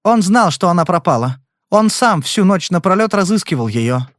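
A man's voice: high voice, big pitch swings, moderate pace, no room sound, clean studio sound. A man playing a fierce, defensive wife. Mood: defiant. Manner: insistent, protective.

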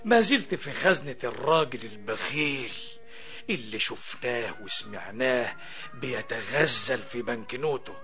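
A man's voice: medium pitch, animated, moderate pace, bright, forceful tone, faint music behind. An actor with an Egyptian accent playing a talking banknote, a yearning captive who tells his tale to the audience in florid, plaintive narration. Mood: storytelling. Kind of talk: theatrical storyteller narration addressed to the audience.

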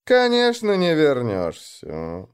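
Audiobook: hoarse, drowsy, gruff chieftain read by a man, slow and tired, a bit higher than average. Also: huge pitch swings, full character voice. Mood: mocking. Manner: slow, weary drawl. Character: sleepy gruff older male chieftain. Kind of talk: audiobook character voice.

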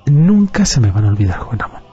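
A man's voice: medium pitch, big pitch swings, a little fast, warm tone, slightly rough. A man giving an earnest personal testimony as an interview guest. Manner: earnest, confiding storyteller. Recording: dull lo-fi audio, faint music.

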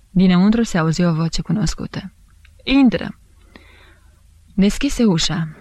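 A woman narrating a novel in a measured, even storytelling voice. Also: fairly low pitch, dry recording. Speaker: audiobook reader.

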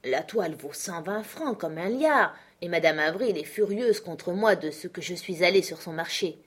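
Une lectrice qui fait parler une femme âgée, pratique et grondeuse, qui sermonne son frère. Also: female voice, fairly low pitch, lively intonation, moderate pace, breathy edge. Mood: proud. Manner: fussing, reproachful. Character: scolding, practical older sister, a woman.

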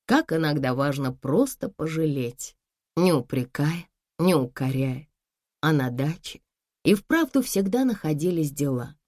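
A woman narrating an audiobook in a scripted, expressive reading. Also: deep voice, measured pace, dry recording, clean studio sound.

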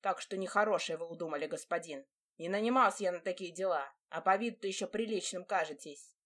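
A blunt, gruff peasant boatman, voiced by a woman reading aloud, talking in a lowered, rumbling tone. He speaks in a plain rustic manner, grumbling openly, as a figure in an audiobook. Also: fast, lightly acted.

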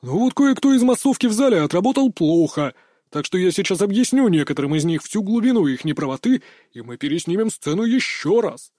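A man voicing an excited, breathless film director who gushes and shouts in an audiobook. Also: sits high, brisk, dry recording, clean studio sound. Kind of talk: audiobook narration.

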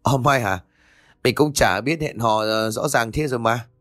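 A man voicing a relaxed, friendly young man meeting an old school friend. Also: mid-range voice, normal speed, no room sound, studio quality, lightly acted.

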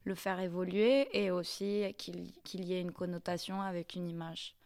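A woman's voice: lowish voice, fairly even intonation, normal speed, gravelly, a little mellow. A woman, a singer-songwriter answering interview questions thoughtfully, often searching for her words. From Mexico. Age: 30s.

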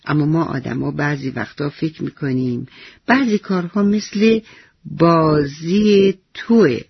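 A man voicing a kind, wise grandfather who speaks slowly and tenderly. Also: fairly high pitch, husky, no room sound, highs cut off. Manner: gentle, slow and tender.

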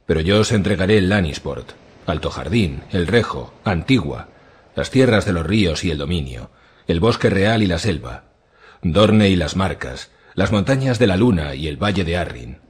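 A man's voice: low voice, slightly rough. A man voicing a scheming, ambitious male pirate lord in an audiobook reading, with a boastful, grandiose manner.

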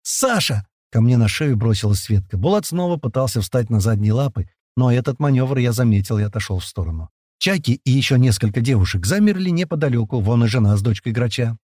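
A man reads an audiobook in the first person, casual and peppered with coarse slang. His pitch is middling but moves around a lot. The sound is close and dry. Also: lively intonation, fast, a little mellow, dry recording. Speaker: audiobook narrator.

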